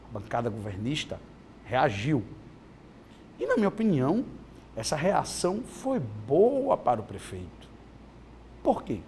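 Um homem que faz comentários políticos opinativos num telejornal matinal, falando de forma enfática. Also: male voice, mid-range voice, darkish tone, slight background noise. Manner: emphatic, rising and falling for emphasis. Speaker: political commentator on a morning TV news show. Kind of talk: opinionated political commentary.

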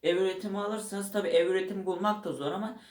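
A man's voice: high voice, steady tone, rapid-fire. A man casually explaining how to keep a pet bird at home, rambling and stopping to search for words. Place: room at home beside a bird cage. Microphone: handheld camera set up nearby. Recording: echoey room.

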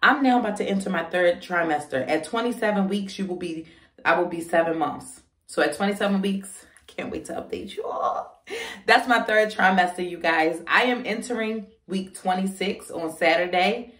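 A woman's voice: fairly low pitch, normal speed, a bit bright, recorded from a distance. Chatty woman vlogging in a roomy space. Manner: chatty, addresses viewers as y'all. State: short of breath. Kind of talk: casual pregnancy update vlog. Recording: roomy sound, voice away from the mic.

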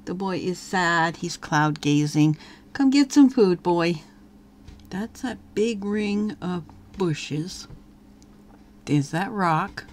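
A woman's voice: on the low side, extremely slow, long pauses. A woman giving casual gameplay commentary as a let's play host, chatting and talking to her game characters as she plays.

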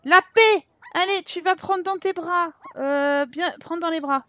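A woman commenting on her life-sim game playthrough in a chatty, animated way, laughing often and exclaiming at what happens on screen. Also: very high-pitched, unhurried. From France. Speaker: gaming YouTuber. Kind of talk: Let's Play commentary.

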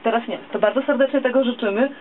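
A woman's voice: on the high side, fast. Woman radio interviewer, dull noisy recording. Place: small radio studio, indoors. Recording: dull lo-fi camera recording, clear noise.

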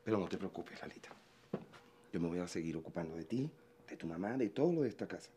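A calm fatherly man. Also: low voice, fast. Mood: tender. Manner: calm, reassuring, firm. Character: fatherly man leaving home, steady and gentle. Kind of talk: telenovela acting.

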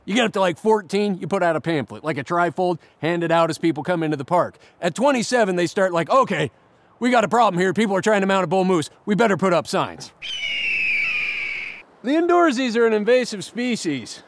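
A man's voice: high-pitched, expressive, a little fast, vocal fry, slight background noise. A middle-aged man delivering a scripted comedic monologue, ranting sarcastically and mocking people. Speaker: comedic outdoorsman host.

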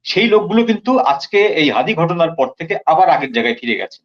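A man joins a talk show over a remote call, his voice echoing back on the line. He speaks gravely and with emphasis, repeating phrases to drive them home. The sound is dull and lo-fi, and his voice sits fairly high for a man. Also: very animated, fast talker. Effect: echo on his remote call line. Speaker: political commentator guest. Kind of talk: talk-show political commentary.

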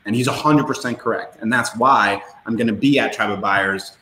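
Guy chatting on a podcast, animated, drops swears, voice bouncing around the room. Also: lowish voice, normal speed, slight background noise. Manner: animated storyteller, swears casually. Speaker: guest entrepreneur. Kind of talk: casual podcast interview. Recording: roomy echo.

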